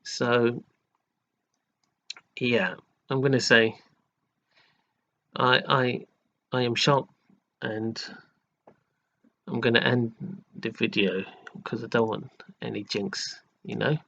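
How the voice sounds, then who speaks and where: A man in an aggrieved, halting vlog rant who keeps repeating himself and restarting his sentences. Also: medium pitch, fairly even intonation, creaky, pushed and bright, muffled recording. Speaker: vlogger. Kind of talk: slow, halting rant to camera.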